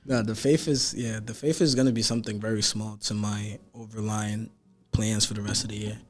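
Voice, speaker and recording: A man's voice: on the low side, little pitch movement, brisk, faint music behind. A teenage man from Nigeria, a rapper guesting on a podcast, talking casually and rambling with lots of filler words and slang. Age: teens.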